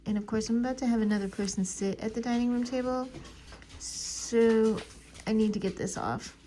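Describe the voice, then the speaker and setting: A woman's voice: on the high side, steady tone, moderate pace. A married woman chatting casually at home in a crafting vlog, rambling with lots of fillers. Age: adult, married. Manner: rambling, warm-hearted, filler-heavy. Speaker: crafting vlogger. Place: home living room.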